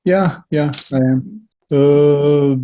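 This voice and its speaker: Serbian guy on a zoom call, warm mellow voice, kinda hesitant. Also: on the high side, fairly even intonation, very slow, lo-fi sound, slight background noise. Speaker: guest. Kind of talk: casual group chat. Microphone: video call.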